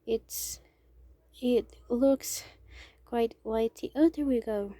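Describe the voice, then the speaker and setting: A young amateur artist from Mexico, speaking English as a second language with a Mexican Spanish accent, hesitantly talks through a drawing tutorial. Her voice is on the high side and soft, sometimes sinking to a near whisper as she thinks aloud in a casual, halting way. There is no echo.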